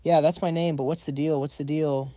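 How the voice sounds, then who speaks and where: A man's voice: on the high side, fairly even intonation, a little fast, warm tone, dry recording, natural voice. A man voicing a weary, sarcastic young male student who talks in exasperated, slangy inner monologue.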